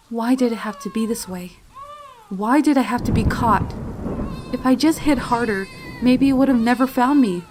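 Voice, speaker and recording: Lightly acting with a medium-pitched, darkish voice, a woman tells a first-person horror fanfiction as a terrified, tearful little pony filly. Her delivery is solemn, dramatic and emotive, set against storm and animal sound effects and clear noise.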